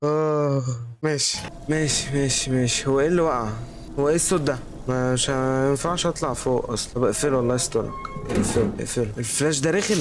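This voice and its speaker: Jittery fast-talking Egyptian man. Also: medium pitch, music in the background. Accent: Egyptian Arabic. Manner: jittery, scared, talking to himself. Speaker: gaming YouTuber. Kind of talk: let's play commentary. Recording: voice over loud game ambience.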